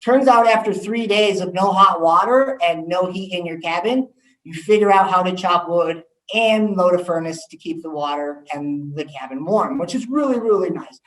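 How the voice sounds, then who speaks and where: A high-voiced man talks at a normal speed, addressing students frankly in his role as assistant principal and saying "um" often. The recording is echoey, and he sounds far from the microphone.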